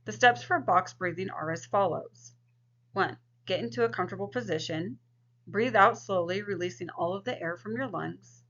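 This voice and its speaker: A woman delivers a scripted lesson as a student presenter. Her mid-pitched voice carries plenty of creak and fry. The recording is dull and lo-fi, lacking detail. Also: a bit bright. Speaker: social work student presenting. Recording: dull, lo-fi microphone sound.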